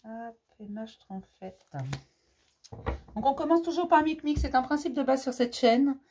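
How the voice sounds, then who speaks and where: Woman doing a chatty card reading, kinda high voice, reassuring and informal. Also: animated, a little slow, a little mellow, slight background noise. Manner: chatty, reassuring, informal, addressing listeners directly. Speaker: host of an oracle card reading channel. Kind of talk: casual spoken card reading to camera.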